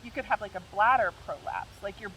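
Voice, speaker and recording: A woman's voice: mid-range voice, brisk, fairly bright tone, distant mic, a little hiss or hum, low-quality recording. A middle-aged woman co-hosting a casual chat, talking candidly and chattily, laughing easily. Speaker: podcast co-host.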